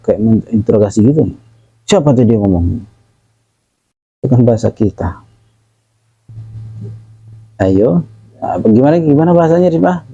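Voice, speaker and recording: A man teaching a religious study class, reciting Arabic phrases slowly and then translating and explaining them. He talks casually to his students and calls on them by name. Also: mid-range voice, warm tone, no room sound. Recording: slightly dull, dry, lo-fi recording.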